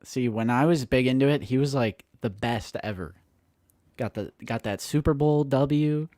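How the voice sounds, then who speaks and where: A man in his late twenties co-hosts a toy collecting live stream, chatting casually, joking, and animatedly acting out quotes. His mid-range voice moves at normal speed, recorded with clean studio sound and no echo.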